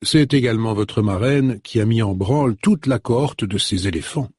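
A man with a husky voice voicing a precise, measured elderly detective in an audiobook. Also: fairly low pitch, a little mellow, no echo, studio quality. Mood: grave.

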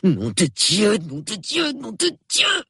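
A man reading an audiobook, voicing a nervy, sulky young artist who talks in a rushed, shaky, sullen way. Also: on the high side, expressive, pushed and bright, slightly rough, no echo, clean studio sound, voice pushed up, exaggerated voice. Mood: shaken. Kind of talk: audiobook character voice.

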